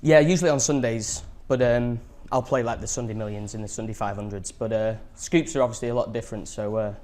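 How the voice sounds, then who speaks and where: A young man from England, a poker player answering interview questions in a halting way full of fillers. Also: medium pitch, steady tone, a little mellow. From England, near Blackpool. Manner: halting, lots of fillers and repeats. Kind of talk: casual interview.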